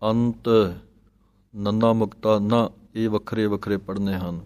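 A man gives a recitation lesson. He chants verses slowly and then adds quick spoken notes on pronunciation and pauses. His voice sits low and stays in a narrow, even pitch range. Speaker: teacher of scripture recitation.

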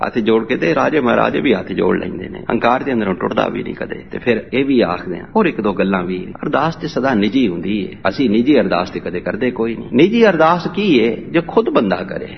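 Gravelly male scripture teacher, emphatic, slow verse repeats, dull lo-fi sound. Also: lowish voice, sing-song. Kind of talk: explaining hymns line by line. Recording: dull lo-fi with faint noise.

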